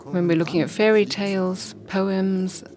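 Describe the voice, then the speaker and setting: Woman telling a slow, pausing parable. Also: medium pitch, fairly even intonation, darkish tone. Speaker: speaker on fasting. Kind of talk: storytelling talk.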